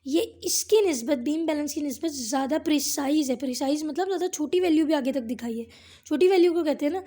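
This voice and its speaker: A woman teaches physics step by step, frequently checking in with her students and reading English textbook lines slowly. Her voice is high-pitched with a dark tone.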